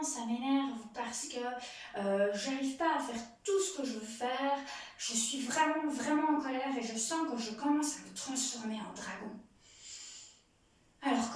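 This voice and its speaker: A young adult woman teaching a playful yoga lesson to children, with a sing-song manner that speaks straight to the child. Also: fairly high pitch. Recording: echoey room, voice from far off.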